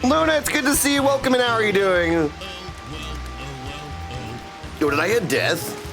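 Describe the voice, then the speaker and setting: While livestreaming a game, a man with a very high, very animated voice chats goofily with viewers in slangy language at normal speed. Game music plays behind him.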